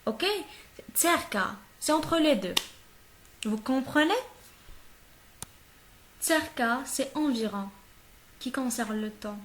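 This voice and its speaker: A woman teaching a language lesson with a fairly high voice. She talks very slowly and deliberately, saying each example word several times over and stopping often to check that her listener understands. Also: slight background noise. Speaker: German teacher. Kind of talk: slow classroom-style language lesson.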